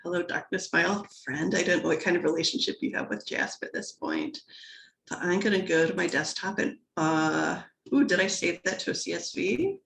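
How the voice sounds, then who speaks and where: A woman's voice: lowish voice, very animated, moderate pace, creaky, a bit bright, roomy sound. A woman teaching statistics in a casual recorded lecture, chatty and playful, interrupting herself and adding little sound effects. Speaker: statistics instructor.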